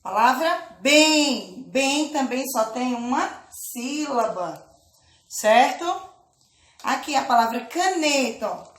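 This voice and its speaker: A woman teaching a children's lesson, speaking slowly and patiently, drawing out words and often checking in with her listeners. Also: high-pitched, animated, echoey room. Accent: Brazilian Portuguese. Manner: slow, patient, drawn-out syllables with check-in questions. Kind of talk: children's lesson, clapping out syllables.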